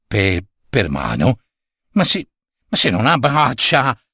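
A man voicing a bewildered old king and queen in a fairy tale, speaking low and stammering. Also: huge pitch swings, slow, vocal fry, bright, forceful tone, husky, no room sound, studio quality, exaggerated voice.

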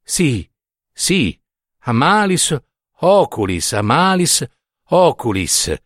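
A man's voice: fairly high pitch, sing-song, drawn-out words, fairly bright tone, no room sound, clean studio sound, exaggerated voice. A man voicing a devout peasant mother, speaking with humble, anxious pleading.

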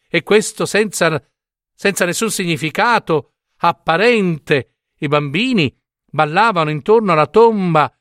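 A man's voice: on the high side, a bit bright, no room sound, studio quality. A man reading a story aloud in a comic style, full of digressions, joking asides and self-corrections.

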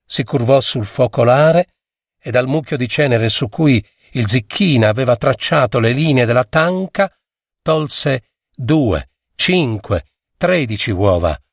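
A man narrating a short story in a measured, dramatic reading. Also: medium pitch, no room sound, clean studio sound. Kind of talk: scripted audiobook narration.

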